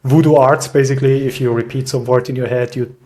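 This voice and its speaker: Warm-toned and mid-range, a young Swiss man speaks quickly with fairly even intonation as a podcast guest on a video call. The casual interview finds him chatty, self-deprecating and laughing frequently.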